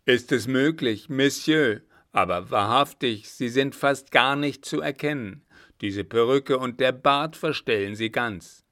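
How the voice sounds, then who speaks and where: A man voicing a loyal, excitable coachman who exclaims loudly, in a storybook reading. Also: on the low side, a little slow, clear, resonant tone. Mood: eager.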